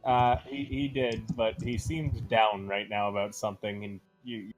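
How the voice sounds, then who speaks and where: A man's voice: lowish voice, level tone, moderate pace, soft background music. A man narrating as game master, loose and easygoing, with lots of fillers.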